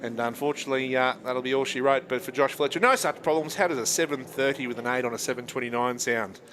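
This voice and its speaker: A man with an Australian accent commentates drag racing live from a raceway commentary box. His voice sits at a middle pitch. He chats easily and laughs often, with a faint hum of engines and track ambience behind him. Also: fast talker, a bit bright.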